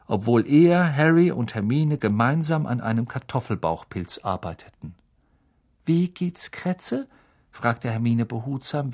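Brief: male audiobook narrator, expressive storyteller, middle pitch. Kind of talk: scripted narration.

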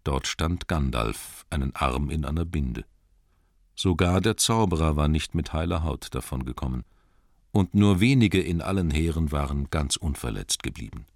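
A man reading a storybook aloud in calm, measured narration. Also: extremely low pitch, no echo, clean studio sound. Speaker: audiobook narrator. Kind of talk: scripted narration.

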